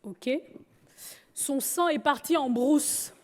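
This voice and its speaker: A woman's voice: high voice, takes it slowly, a little mellow. A woman from Gabon, telling her life story with humor. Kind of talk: personal storytelling talk.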